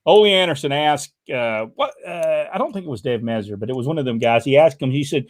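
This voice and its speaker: A man's voice: mid-range voice, expressive, fast, no echo, clean studio sound. An older man, hosting a casual talk show, reading out questions and telling folksy stories with many filler sounds. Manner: folksy storytelling with frequent uh fillers. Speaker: podcast host reading viewer questions. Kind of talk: casual chat.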